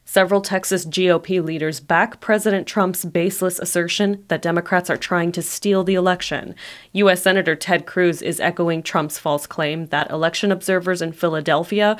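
A woman reading scripted radio news in a crisp, even delivery. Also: on the low side, normal speed. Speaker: news reporter.

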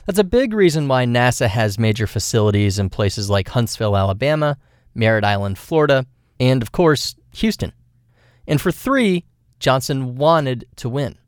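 A man reads a scripted news feature as a radio reporter. His voice sits at a middle pitch, in a very dry studio sound. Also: expressive, moderate pace, clear, resonant tone, no echo.

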